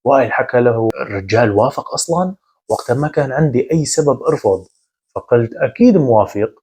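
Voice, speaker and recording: A man narrating a first-person horror story in a measured, conversational way. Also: mid-range voice, expressive, a little mellow, slightly rough.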